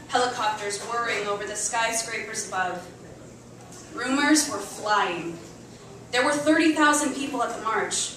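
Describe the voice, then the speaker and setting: Her high, bright voice rings through a very echoey cafe as she reads a story at a live literary show, dramatically acting out chants and dialogue. She's far from the mic, and faint noise lingers.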